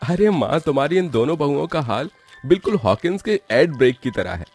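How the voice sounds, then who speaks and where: A man's voice: fairly high pitch, sing-song, brisk, creaky, a little mellow, slightly rough, faint music behind, heavily acted. A man playing a teasing young husband and son in a cartoon story, speaking in a joking, mocking tone.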